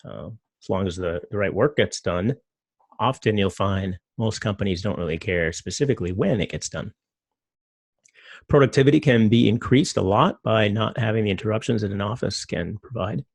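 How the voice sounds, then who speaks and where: Low gravelly man giving a casual talk. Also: moderate pace, dry recording, studio quality. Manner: relaxed, rambling with fillers. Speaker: presenter.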